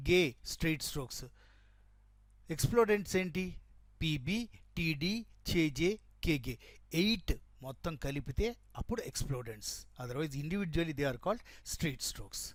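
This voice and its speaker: Higher-voiced shorthand teacher. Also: male voice, no room sound. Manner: explains step by step while drawing, repeating terms and checking with "right?". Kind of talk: classroom lesson, mixing Telugu and English.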